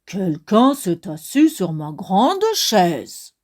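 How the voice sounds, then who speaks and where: A woman voicing a big father bear in a storybook reading, with a lowered, gruff voice. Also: very animated, very slow, darkish tone, exaggerated voice. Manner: low booming gruff voice.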